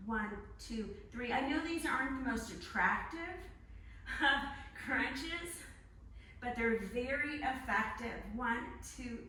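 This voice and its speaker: A woman's voice: high-pitched, a bit bright. A woman leading a workout class as an aerobics instructor, counting and cueing moves in short encouraging commands as she exercises along. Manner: physically exerting while talking. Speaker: fitness instructor. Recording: very echoey room, distant mic, faint noise.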